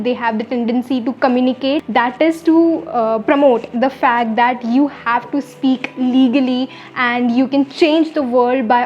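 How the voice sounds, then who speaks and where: A woman in her early twenties, a law student and vlogger, chats upbeat to camera in a casual Q&A, answering viewers' questions. She has an Indian English accent and a slightly high voice, and the sound is lo-fi.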